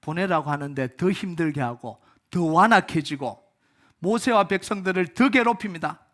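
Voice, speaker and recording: A male pastor delivers a sermon in a church at a Friday prayer meeting. His voice sits high for a man, and he preaches with animated swings, climbing to loud emphatic peaks and then dropping to low, hushed asides. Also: moderate pace. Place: church sanctuary.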